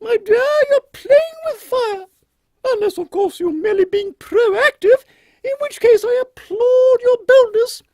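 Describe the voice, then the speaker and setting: Male actor as dotty elderly British queen: very high, shrill, dry close sound, imperious and fussy. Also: unhurried, darkish tone, dry recording. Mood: fussy, arch. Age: older. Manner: haughty, regal, fussy, uses royal "one". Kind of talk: steampunk radio comedy acting.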